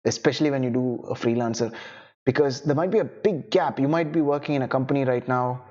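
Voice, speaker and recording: A young man, a native Tamil speaker, coaches freelancers in a relaxed online lesson, talking straight to the camera. His medium-pitched voice moves quickly with a dark tone, and the audio is lo-fi. He keeps it conversational, tagging lots of lines with "right?" and "you know."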